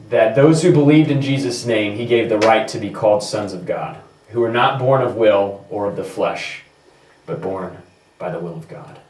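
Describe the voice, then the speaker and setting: A man leading a playful church talk, joking back and forth with the congregation. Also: on the low side. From not Scotland. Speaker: church leader giving a children's talk. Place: church hall. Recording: roomy church sound from a distance.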